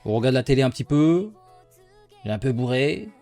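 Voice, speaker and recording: Animated young man telling a story. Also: medium pitch, a little fast, soft background music. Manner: playful, rambling, laughs often, addresses viewers directly. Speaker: YouTuber telling a personal story. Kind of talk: casual storytime chat.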